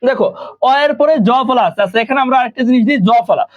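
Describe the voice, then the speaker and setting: A man's voice: very high-pitched, expressive, fast talker. A man from Bangladesh teaching an online class, patiently repeating each point and quizzing his students. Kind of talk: online live class lesson. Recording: dull lo-fi recording.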